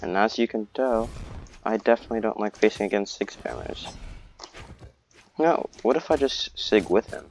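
A young man giving excitable, rambling gameplay commentary and joking at his own expense. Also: lowish voice, normal speed, pauses often, a little hiss or hum. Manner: excitable, rambling, playfully self-mocking. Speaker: gamer.

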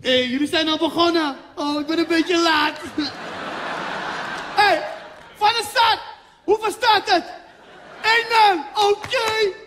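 A man voicing a brash, bossy Surinamese national football coach, with a Surinamese Dutch accent, shouting and laughing. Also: extremely high pitch, takes it slowly, pauses often, a faint crowd, pitched above the performer's own voice, full character voice. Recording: long hall reverb, faint noise.

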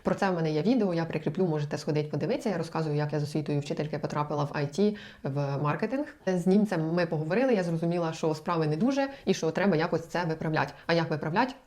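A woman's voice: sits low, rapid-fire, hardly any pauses, darkish tone. A young woman from Ukraine giving language-learning advice in a casual, chatty talk to the camera, explaining with examples and asides.

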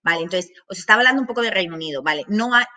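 A woman from Spain leads an informal masterclass, her voice bright and clear. She talks in loose, restarting sentences. She keeps checking in with her listeners as she goes. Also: mid-range voice, animated, racing. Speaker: presenter of a work abroad programme masterclass. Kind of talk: informal spoken presentation.

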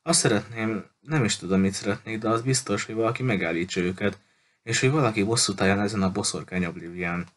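An upset, stubborn young girl from a storybook, as a male narrator reads her lines. She speaks in an agitated, pleading tone. The voice stays low and close to the reader's own. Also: fairly bright tone, natural voice. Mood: bitter.

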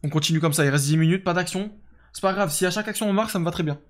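Speaking very fast in a high voice, a young man gives casual live commentary while playing a football management game. He chats away, full of fillers, reading and replying to messages from his viewers.

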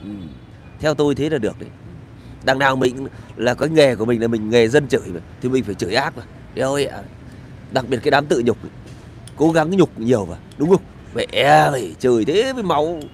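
A man's voice: mid-range voice, expressive, fairly quick, a little hiss or hum. A middle-aged man, ranting sarcastically and crudely in a casual vlog from a street. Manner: sarcastic, crude and rambling, with swearing. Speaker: vlogger. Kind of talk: casual outdoor vlog rant.

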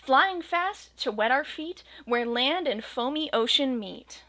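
Her voice slightly high and her pace slow, a young woman reads a rhyming picture book aloud, gently and expressively following its bouncing meter. The recording is made near the camera in a small room at home with bookshelves and a green screen.

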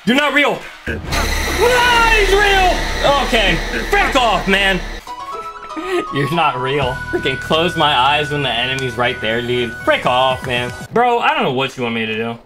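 A young man giving excitable, jumpy gameplay commentary on a horror game, yelling when scared. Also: medium pitch, normal speed, over loud music. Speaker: gaming YouTuber.

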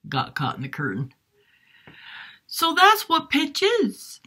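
A woman's voice: high-pitched, wildly swooping pitch, slow, sharp tone, exaggerated voice. A woman voicing a friendly, playful young wolf who helps out in a children's music class, sometimes howling. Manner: playful, with howls. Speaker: music teacher's character. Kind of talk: puppet-style music lesson.

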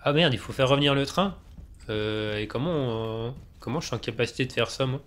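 A man's voice: medium pitch, a little fast, a bit bright. A man casually commentating a video game he plays, joking and chatting with himself. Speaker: let's play gamer. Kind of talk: casual let's play commentary.

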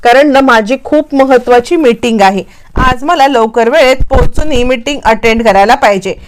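A woman's voice: fairly high pitch, normal speed, slight background noise, natural voice. A woman voicing a stubborn young husband who protests and complains in a domestic squabble.

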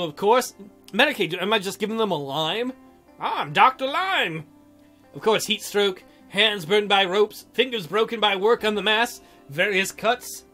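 Reading a visual novel aloud for a let's play, this man has a high, sharp voice. His commentary is jokey and theatrical, full of silly mock voices, with game music playing behind him.

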